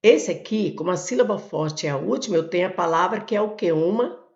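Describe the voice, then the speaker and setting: Brazilian woman teacher explaining, lively pitch. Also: a little fast. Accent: Brazilian Portuguese. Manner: explains step by step with frequent "ó" and "olha" while pointing at the board. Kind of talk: exam prep lesson, working through questions. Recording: echoey room, dull lo-fi sound.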